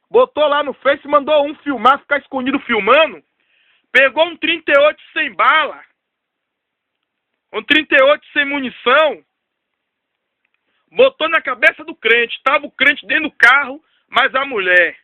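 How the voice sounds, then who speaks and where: A man preaching a sermon, telling a story and repeating key phrases while dropping low for emphasis. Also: no room sound, phone-quality sound.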